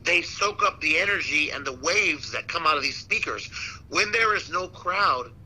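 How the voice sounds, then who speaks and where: A man who works as a ring announcer, chatting casually as an interview guest and telling stories in a slangy, animated way. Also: a little high, moderate pace, breathy edge, low-quality recording. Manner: slangy, animated storytelling with repeated "man" and "dude". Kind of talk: casual chat.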